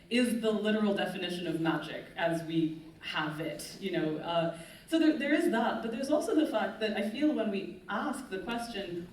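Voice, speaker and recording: A woman's voice: medium pitch, distant mic, a little hiss or hum. A woman author on a live panel, articulate and lecturing, with a self-mocking edge. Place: festival stage in a large hall. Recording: echoey hall, voice from afar.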